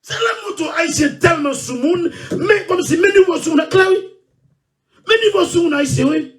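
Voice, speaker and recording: A Haitian man hosting his own show, delivering a loud, repetitive rant with frequent shouting and laughter. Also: very high voice, moderate pace, distant mic. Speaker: show host. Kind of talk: ranting monologue.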